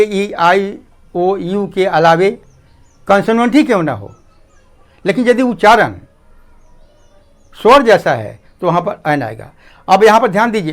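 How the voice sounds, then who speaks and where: Slow high-voiced male teacher. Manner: slow, repetitive, asks students to pay attention. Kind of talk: grammar lesson explanation.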